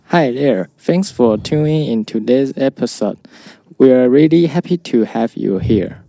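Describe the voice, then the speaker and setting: Slow, gravelly teen host. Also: male voice, mid-range voice, expressive, dark tone, no room sound. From Taiwan. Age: teens. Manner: reads from a script. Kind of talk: scripted school podcast hosting.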